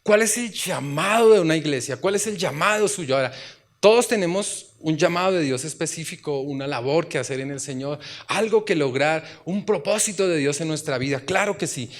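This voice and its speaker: Fairly high-pitched, expressive and fairly quick, a man gives a sermon in church. He talks with the congregation, asks rhetorical questions and erupts into loud exclamations.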